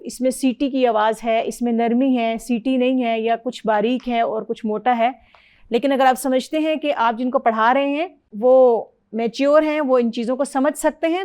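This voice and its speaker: A woman's voice: on the high side, a little mellow. A middle-aged woman, teaching Quran reading and drilling letter sounds with a student. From Pakistan. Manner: patient, explanatory, models letter sounds clearly and praises.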